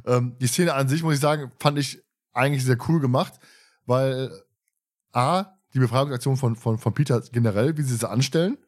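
A man's voice: mid-range voice, moderate pace. A man co-hosting a podcast, talking casually and rambling with frequent restarts. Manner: rambling, many restarts and fillers. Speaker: podcast co-host. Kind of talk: casual chat.

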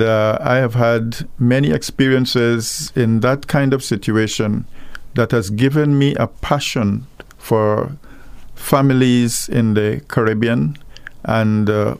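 A slow, deliberate middle-aged man with a Guyanese accent and a gravelly, resonant low voice. He talks earnestly as a guest on a radio program, his voice close and dry in the studio. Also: darkish tone, dry recording. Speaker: guest minister. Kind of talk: radio call-in interview.

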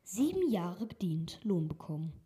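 A naive young man from a fairy tale, simple-hearted and easily pleased, voiced by a woman in a storybook reading. The voice is husky and dark-toned. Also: fairly low pitch, big pitch swings, moderate pace, heavily acted. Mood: eager.

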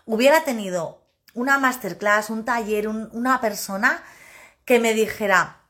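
A woman talks to her live-stream viewers as a personal development coach. Her voice sits a little high. She speaks loudly and emphatically and often breaks into laughter. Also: measured pace.

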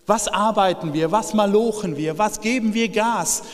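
A man preaching a sermon as pastor, in a lively way that swings from soft lines to shouted ones. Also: high voice, normal speed, long reverb tail.

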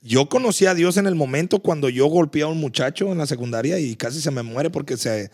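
Man, pastor in a relaxed faith chat, earnest storyteller, high-ish voice. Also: a little fast, slightly rough. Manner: earnest storytelling, repeats words when excited. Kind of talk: casual faith conversation.

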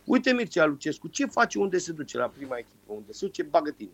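Male phone-in pundit, heated and ranting, blocked nose from a cold, slightly high voice on a muffled line. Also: no echo. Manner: animated, ranting. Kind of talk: heated sports talk.

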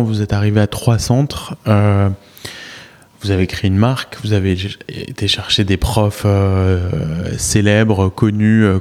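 A man's voice: on the low side, a little mellow. A man interviewing a business founder in an informal way, repeating phrases as he asks.

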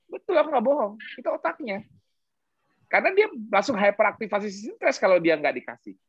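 A speaker explaining health science in casual podcast talk, animated, posing rhetorical questions and mixing in English terms. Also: medium pitch, fast talker, slightly rough, dry recording, lo-fi sound.

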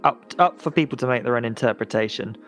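A man with a middle-pitched voice hosts a podcast, rambling in a jokey, deadpan way. Faint music plays behind him. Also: quick pace. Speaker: podcast host. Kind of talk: casual chat.

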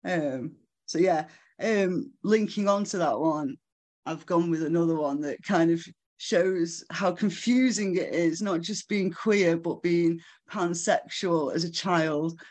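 Poet at a live launch, slow unhurried delivery, casual between-poem chat. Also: medium pitch, darkish tone. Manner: slow, measured reading broken by casual remarks and fillers. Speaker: author reading own poems. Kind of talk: live poetry reading with chatty asides. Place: live book launch event.

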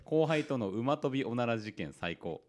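A man's voice: medium pitch, expressive, normal speed, darkish tone. A man from co-hosting a casual talk show, reading listener mail aloud and laughing often. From Kagoshima, Japan. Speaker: podcast co-host.

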